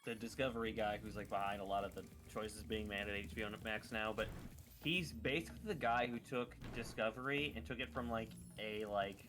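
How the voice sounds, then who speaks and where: A man's voice: fairly low pitch, fairly quick. A man co-streaming a video game, chatting casually and riffing sarcastically. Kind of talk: casual chat over gameplay.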